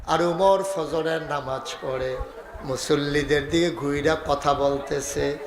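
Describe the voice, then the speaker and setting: High-pitched, dramatic preacher, echoing. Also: male voice, fairly even intonation, slow, a crowd in the background. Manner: dramatic, swings from soft to shouted, sing-song wailing. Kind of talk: Bengali waz sermon with storytelling.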